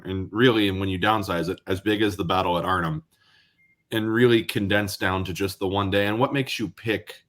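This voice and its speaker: A podcast host with a low but bright, clear voice, joking along and then laying out long, multi-part questions. He laughs easily between remarks. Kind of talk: casual podcast interview.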